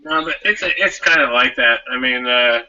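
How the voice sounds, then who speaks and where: A man hosting a casual podcast chat, talkative and quick to laugh. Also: medium pitch, sharp tone, dull audio.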